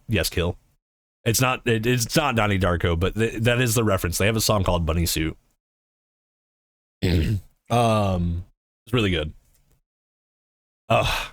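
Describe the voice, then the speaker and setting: Low lively male streamer, dry sound. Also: dry recording. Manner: reads and answers chat, rambling and swearing. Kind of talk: casual live-stream chat.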